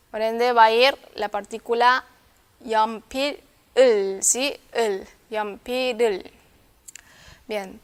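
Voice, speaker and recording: Woman teacher, smooth clear voice, a bit high, patient and methodical. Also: a bit bright. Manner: patient, repeats words and checks understanding with "¿sí?". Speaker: Korean language teacher. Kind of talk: classroom lesson explanation.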